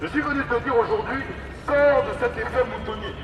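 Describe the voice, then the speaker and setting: On a city street outdoors, a very high-pitched man delivers an emphatic, repetitive, exhorting evangelistic sermon through a megaphone at a fairly quick pace. The megaphone audio sounds distant and noisy, with traffic all around.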